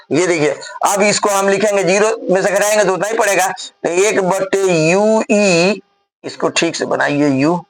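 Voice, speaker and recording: In a classroom lecture, a high-voiced male physics teacher solves a board problem step by step, frequently asking if his students are keeping up. The audio is poor, though there's no room sound.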